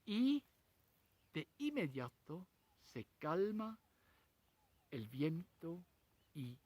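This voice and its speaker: A man preaching a sermon as a pastor, retelling a story in short, measured phrases with rhetorical questions. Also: on the high side, big pitch swings, darkish tone, breathy edge. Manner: speaks in short, measured phrases with frequent pauses.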